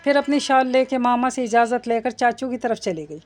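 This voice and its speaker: A woman reading a romance novel aloud as an audiobook. Her voice sits somewhat high, with steady, even storytelling. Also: moderate pace. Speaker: narrator.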